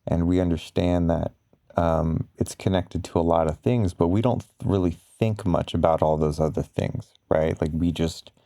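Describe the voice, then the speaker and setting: A man giving slow bedtime pillow talk in an ASMR style, explaining ideas in a halting, rambling, casual way with frequent pauses. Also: low voice, fairly even intonation, vocal fry, dark tone, no echo, studio quality. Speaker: ASMR content creator.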